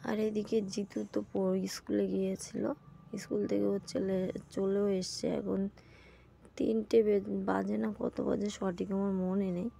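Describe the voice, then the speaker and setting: This young vlogger is sick with a sore throat and speaks indoors at home in a casual daily vlog, tiredly narrating her day. Her voice is dark and medium-pitched with vocal fry, unhurried and with little pitch movement.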